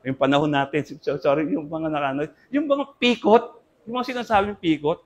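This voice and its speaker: A man's voice: fairly high pitch, a little fast. An older Filipino man preaching a sermon, speaking politely to his congregation and often asking them for an amen. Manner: addresses audience with polite po and asks Amen po ba.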